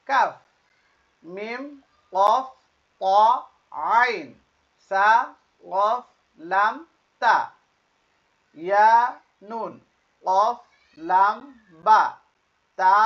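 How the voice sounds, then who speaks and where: A Quran teacher giving an online class, calling out letter names one at a time and stressing some of them loudly. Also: mid-range voice, lo-fi sound.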